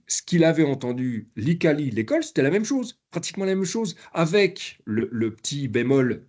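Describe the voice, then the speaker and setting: A man giving a conversational conference lecture as a professor, halting often and restarting his sentences. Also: mid-range voice, a little mellow. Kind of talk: live lecture.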